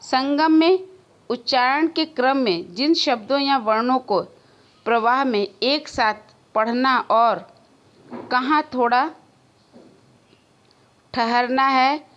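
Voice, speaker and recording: A woman teaching a school grammar lesson, speaking slowly and deliberately. Her voice sits a little high. She repeats key words for emphasis and answers her own questions for the class. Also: a bit bright, dull audio.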